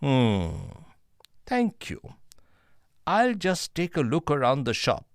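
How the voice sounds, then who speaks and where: Calm male police inspector, measured and questioning, lively pitch, unhurried, for a textbook audio drama. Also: smooth, dry recording, clean studio sound, exaggerated voice. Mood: firm questioning.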